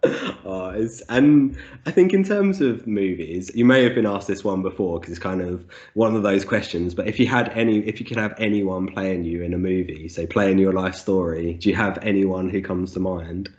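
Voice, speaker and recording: A man's voice: low-pitched, moderate pace, a little mellow. A man hosting an interview, friendly and enthusiastic as he puts questions to his guest. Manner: friendly, enthusiastic, says "very cool". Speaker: podcast host. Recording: dull lo-fi audio.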